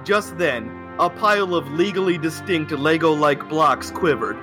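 A man's voice: on the high side, a little slow, music in the background. A man co-hosting a comedy podcast, reading his own crude story with sarcastic asides.

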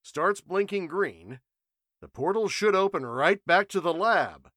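A man's voice: high voice, animated, unhurried, a bit bright, no room sound, studio quality, pitched above the performer's own voice. A man voicing a worried, cautious male scientist in a storybook reading. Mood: explaining.

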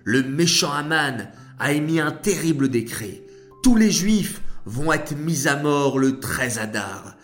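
A man's voice: on the high side, expressive, takes it slowly, a bit bright, faint music behind, pitched above the performer's own voice. A man voicing a grieving older man in a children's story, wailing and pleading earnestly. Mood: urgent. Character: grieving older male cousin, wise.

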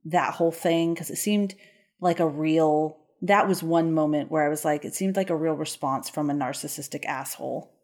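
A woman's voice: low-pitched, normal speed, darkish tone. A woman co-hosting a podcast in casual chat, rambling and swearing freely. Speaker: podcast co-host.

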